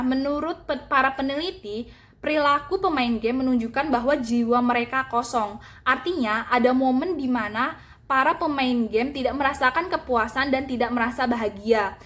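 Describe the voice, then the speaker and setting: Young woman from Indonesia, high voice, student class speech, earnest read with fillers. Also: a bit bright. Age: young adult. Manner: earnest, with filler sounds and restarts. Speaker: university student giving a speech.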